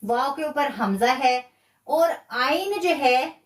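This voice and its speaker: Slow high-voiced woman teacher. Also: expressive, echoey room, far from the mic. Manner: slow, patient explaining with repetition. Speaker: Quran tajweed teacher. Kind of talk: live online lesson.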